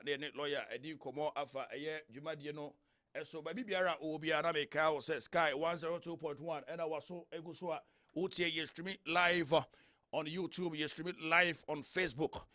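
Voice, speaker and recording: A man with a Ghanaian accent presents a radio interview in a fairly high-pitched voice. He switches between local speech and English phrases, repeating himself for emphasis. The sound is dry and close, from a studio microphone. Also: pushed and bright, no room sound. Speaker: radio host. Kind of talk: radio current-affairs interview, mixing Twi with English phrases.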